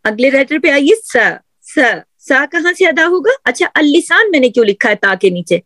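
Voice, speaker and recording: A woman with a high, very animated voice, recorded without echo, gives a patient tajweed lesson on how Quran letters are articulated. She repeats sounds for drilling, often asks "theek hai?" to check her female learners are following, and encourages them gently.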